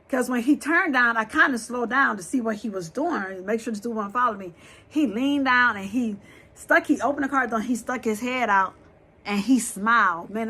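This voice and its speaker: Speaking directly to her viewers, a woman recounts a frightening true story with lively bluntness and plenty of swearing. Her voice is husky and sits fairly high.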